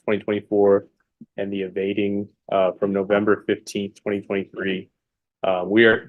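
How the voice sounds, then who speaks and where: A male prosecutor addresses the court formally in a courtroom. His voice is low and very flat in intonation. The sound is dry, with little room echo.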